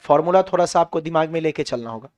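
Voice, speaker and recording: A man's voice: a little high, expressive, fast talker, a little mellow. A male physics teacher with a Bihari Hindi accent, lecturing a class and asking questions he then answers himself.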